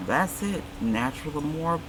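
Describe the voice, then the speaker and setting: A woman co-hosting a casual chat, calmly offering life advice. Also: low-pitched, moderate pace. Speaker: co-host. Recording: noisy background.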